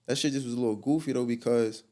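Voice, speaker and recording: Fast-talking young man, slangy storyteller. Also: mid-range voice, warm tone. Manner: slangy, profane, rambling with many restarts. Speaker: guest artist. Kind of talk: candid storytelling interview.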